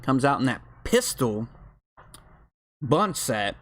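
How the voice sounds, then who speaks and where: A man at home giving casual, informal play-by-play commentary on a football video game. He breaks into loud yells on big plays. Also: medium pitch, sing-song, slow pace. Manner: chatty and informal, with fillers and slang. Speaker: league host and game commentator. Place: at home, with family in the room above.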